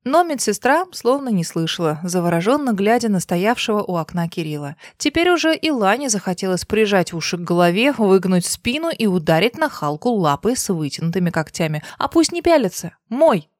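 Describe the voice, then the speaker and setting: A woman narrating an audiobook in a lively, ironic storytelling manner. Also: mid-range voice, brisk, few pauses, no echo, clean studio sound. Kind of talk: audiobook reading.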